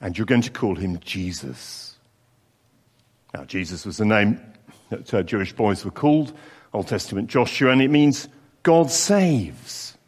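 A man preaching a sermon, earnest and expressive, leaning on emphatic repetitions and pauses. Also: lowish voice, breathy edge.

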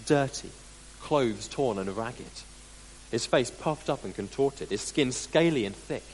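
A man preaching a sermon as dramatic storytelling, deliberate and full of pauses, with sudden drops into quiet, in a large hall. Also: mid-range voice. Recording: long hall reverb, faint hum.

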